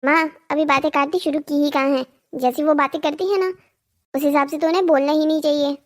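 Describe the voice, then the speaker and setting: A voice actor playing an indignant, argumentative young man in a cartoon story, protective of his sister and quick to anger. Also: very high-pitched, fairly even intonation. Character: hot-headed protective young brother.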